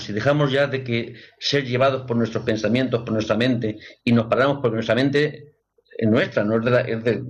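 Reflective soft-spoken man. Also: medium pitch, dull audio. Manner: reflective, soft, ends phrases with "¿no?". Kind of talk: reflective radio talk.

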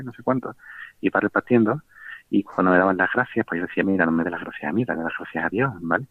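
Low-voiced Sevillian man, halting gentle testimony, dry tinny radio sound. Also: no echo. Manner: halting, many fillers and tag questions, gentle. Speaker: layperson giving a faith testimony. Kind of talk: spoken personal testimony. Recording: tinny phone-like radio broadcast.

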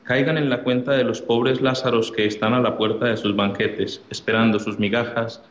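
A man's voice: mid-range voice, flat delivery, normal speed. A man formally reading liturgical petitions at Mass in a church. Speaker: reader of prayer intercessions at Mass. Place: large echoing church interior. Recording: echoey church, muffled, noisy.

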